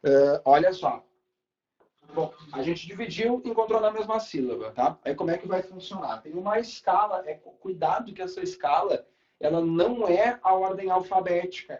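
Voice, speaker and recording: A man's voice: high voice, darkish tone, muffled recording. A young adult man, teaching a live online class in a casual, chatty way with light swearing. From Brazil.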